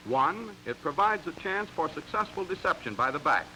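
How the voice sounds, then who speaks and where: A fairly high-pitched American man with lively intonation and a bright, forceful tone reads scripted narration for a 1940s sports training film at normal speed. He sounds crisp and instructional; the rough vintage recording has slight background noise.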